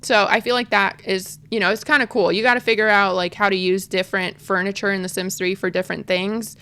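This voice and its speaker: A woman's voice: mid-range voice, fairly even intonation, fairly quick, bright, forceful tone, clean tone. A woman talking with braces, slightly lisping and wet, in a gushing, slangy, casual voice-over as a gaming video creator.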